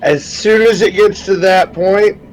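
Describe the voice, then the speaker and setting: A man's voice: sits high, fairly even intonation, a little slow. A man playing a tabletop game and chatting casually as a player.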